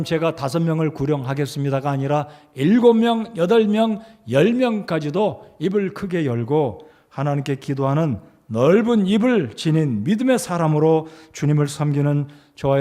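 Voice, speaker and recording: A pastor preaching a sermon to a congregation, reading scripture aloud and acting out quoted lines with sudden rises in emphasis, then asking the listeners questions and leading them in repeating a verse. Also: male voice, a little high, animated, normal speed, hardly any pauses, mellow. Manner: reads scripture with acted emphasis, rising sharply for quoted commands. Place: church sanctuary. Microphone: handheld or stand mic.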